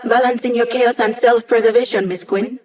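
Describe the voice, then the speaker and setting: An actress voices a video game support character, a young female tech expert who is snarky, upbeat and teasing. Her fairly high, steady, slightly dark voice moves fairly quickly and sounds natural, with a wry, casual, playful delivery.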